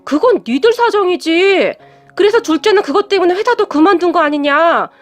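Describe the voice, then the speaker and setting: A woman's voice: very high-pitched, animated, moderate pace, faint music behind, voice pushed up. A woman voicing a stern elderly mother-in-law who scolds sharply in a storybook tale. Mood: angry.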